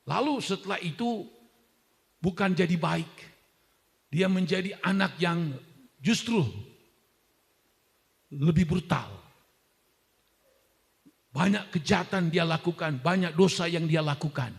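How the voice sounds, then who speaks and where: A male pastor telling a testimony in a sermon, unhurried and storytelling, breaking now and then into loud shouted prayer. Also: high-pitched, vocal fry. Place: church hall. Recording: echoey church hall.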